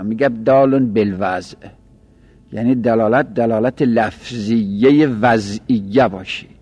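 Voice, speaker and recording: Man, grammar teacher, drawn-out explanations, trailing off softly, dry close sound. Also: medium pitch, no echo, highs cut off. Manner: explains slowly, stretching key terms and repeating points. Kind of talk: seminary-style grammar lesson.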